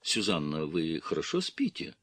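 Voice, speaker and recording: A man reading an audiobook, voicing an older mother superior who asks hushed, insinuating questions. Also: a bass voice, wildly swooping pitch, normal speed, husky, no echo, pitched below the performer's own voice, heavily acted. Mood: hushed probing.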